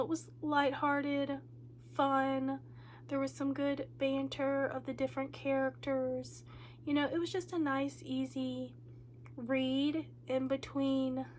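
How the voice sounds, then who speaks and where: A woman booktuber, high-voiced and stuffed up with a cold, sounds weary and low on energy as she chats through a casual reading update vlog. Her talk wanders, peppered with ums and likes. A slight hiss or hum can be heard.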